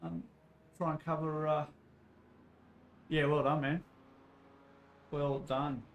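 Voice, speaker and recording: A man's voice: on the high side, little pitch movement, slow pace. A man with an Australian accent casually commentating on a livestream in a laid-back, blokey, matey way. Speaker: livestreamer racing in an online endurance sim race. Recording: some background noise.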